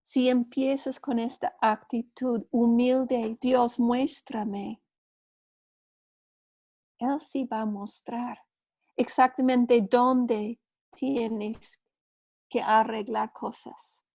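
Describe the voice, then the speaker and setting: Woman Bible teacher, high voice, slow and earnest, dry close sound. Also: little pitch movement, creaky, a little mellow, no echo. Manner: earnest, storytelling, with small restarts. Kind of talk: church women's class teaching.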